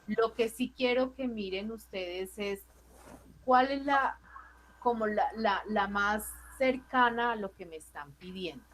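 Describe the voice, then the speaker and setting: Slow, patient woman teacher. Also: mid-range voice, a bit bright, slight background noise, low-quality recording. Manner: patient, checks understanding with frequent questions. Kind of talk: online class explaining spreadsheet charts.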